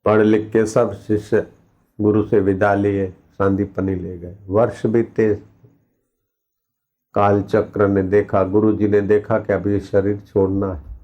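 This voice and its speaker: Man, spiritual teacher, devotional sermon storytelling, low voice, repeated words for emphasis, dull lo-fi recording. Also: flat delivery, slow. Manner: vivid storytelling with repeated words and acted quotes.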